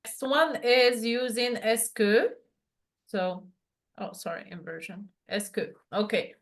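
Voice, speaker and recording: A woman's voice: a little high, steady tone, slow pace. A woman teaching a one-to-one lesson over a video call, explaining patiently with many fillers and restarts. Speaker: French tutor.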